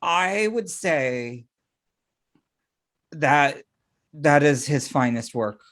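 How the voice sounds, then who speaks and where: A man co-hosting a podcast in casual chat, relaxed, often sighing and dropping into a murmur. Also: a little high, drawn-out words. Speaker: podcast co-host.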